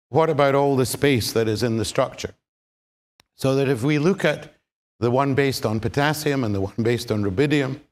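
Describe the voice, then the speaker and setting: In a mid-range voice, a Scottish-accented man delivers a public science lecture on chemistry. His style is measured and explanatory, dotted with frequent ums and a dry wit.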